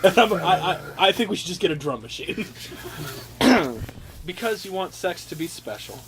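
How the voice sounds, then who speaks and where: A young man with a high voice and big pitch swings reads aloud at normal speed to his brothers in a noisy amateur home recording. His delivery is mock-earnest, sweary, and jokey, drifting into casual asides.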